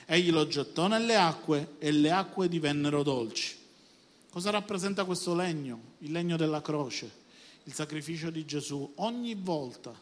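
A pastor with a high voice delivers a sermon in a church hall, and the long reverb rings around his words. He swings from quiet stretches into sudden loud bursts. He keeps checking in with his congregation.

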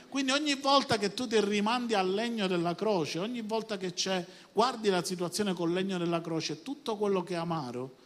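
A pastor with a high voice delivers a sermon in a church hall, and the long reverb rings around his words. He swings from quiet stretches into sudden loud bursts. He keeps checking in with his congregation.

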